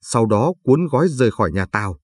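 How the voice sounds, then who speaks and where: A man's voice: medium pitch, sing-song, a little fast, darkish tone, husky, no echo. A man reading the part of a cruel, contemptuous husband who sneers, insults and threatens in a storybook reading. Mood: threatening.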